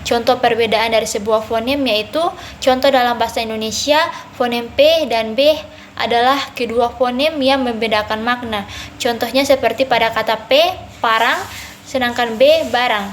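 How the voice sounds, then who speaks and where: A young woman student reads her part of a class presentation, repeating a phrase here and there. Her voice sits somewhat high. A light hiss runs under the recording. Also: fairly even intonation, moderate pace.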